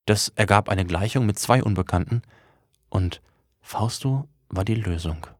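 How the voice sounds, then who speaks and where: A man with a fairly low voice narrates a first-person tale in a dry, wry manner. The telling stays level and understated. The recording is close and without any room sound. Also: a little slow, no echo. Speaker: audiobook narrator. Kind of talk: first-person audiobook reading.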